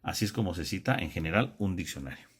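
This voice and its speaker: A man's voice: low voice, very animated, quick pace, husky. A man teaching a theology lesson, explaining step by step and checking in with tag questions. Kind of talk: classroom lesson.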